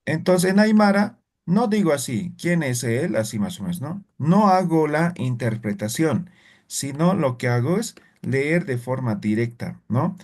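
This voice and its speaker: A man's voice: on the high side, darkish tone. A man teaching a language class, explaining patiently step by step and checking in with short tag questions. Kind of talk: classroom lesson.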